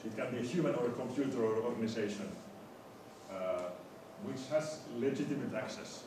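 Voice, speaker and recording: In a very echoey room, picked up by a distant mic over a rumbling noise, a man delivers an academic lecture. His speech is hesitant and halting, with frequent stammered repetitions at the beginnings of words.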